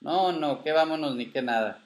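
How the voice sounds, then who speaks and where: A stubborn old grandfather rancher, voiced by a man reading a storybook, folksy and insistent. He speaks with affection, in a voice of middle pitch. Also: steady tone, fairly quick, lightly acted.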